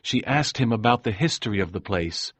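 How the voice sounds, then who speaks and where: A man narrating an audiobook in a calm, measured way. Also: lowish voice, husky, dry recording.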